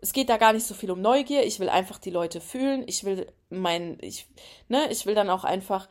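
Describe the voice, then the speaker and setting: A woman's voice: medium pitch, normal speed, darkish tone. A woman hosting her own podcast, talking frankly and emphatically with many fillers in a casual monologue. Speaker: podcast host.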